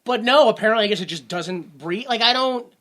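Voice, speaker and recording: Animated and fairly quick, a movie-review podcast co-host talks at a medium pitch with a bright, pushed voice. Sarcastic and meandering, they keep interrupting themselves partway through sentences in the casual back-and-forth.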